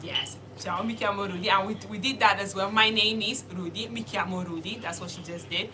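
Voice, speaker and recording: A young woman from Italy teaching a casual video lesson, speaking slowly and deliberately and spelling out words. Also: medium pitch, steady tone, noisy background. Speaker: language teacher.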